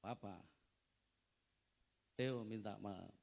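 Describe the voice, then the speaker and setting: A man voicing his grown son, who speaks in a quiet, hesitant way while retelling a story in a sermon. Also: fairly low pitch, very slow, creaky, exaggerated voice. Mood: apologetic. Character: soft-spoken grown son apologizing to his father.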